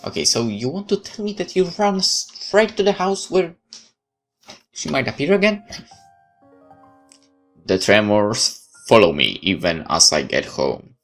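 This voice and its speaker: A let's player with a lowish voice reads a game's story aloud in an expressive, theatrical way, tossing in casual asides. He talks at a measured pace with long pauses, soft music playing in the background.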